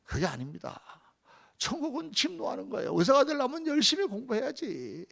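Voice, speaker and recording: A man's voice: very high voice, huge pitch swings, fairly quick, gravelly, fairly bright tone. A male pastor preaching a sermon, emphatic, often asking the congregation questions.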